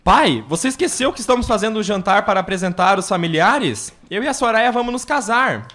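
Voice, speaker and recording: A man's voice: high voice, animated, fairly quick, sharp tone. A man playing an earnest, lovestruck young seminarian in a radio soap opera. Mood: affectionate.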